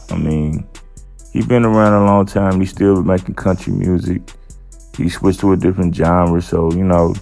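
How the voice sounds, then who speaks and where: Faint background music plays as a host talks through a news piece in an unhurried, filler-heavy drawl. His voice is gravelly and sits very low, and he mixes the story with his own take in a laid-back way.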